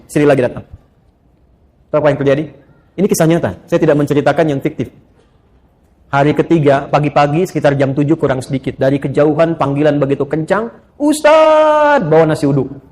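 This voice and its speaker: Animated preacher, man, higher voice. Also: fast talker. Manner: animated storytelling with rising exclamations and soft asides. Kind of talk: sermon to women.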